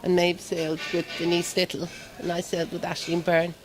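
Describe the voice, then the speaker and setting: A middle-aged woman telling stories in a warm, rambling way during a casual interview. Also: fairly low pitch, completely flat delivery, a little fast, poor audio. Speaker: volunteer at the event.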